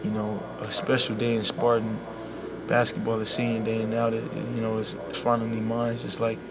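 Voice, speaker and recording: A young man, a college basketball player speaking softly and sincerely in a media scrum, leaning on "you know.". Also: on the low side, completely flat delivery, a little fast. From Bahamas. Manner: soft-spoken and heartfelt, full of "you know". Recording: loud background noise.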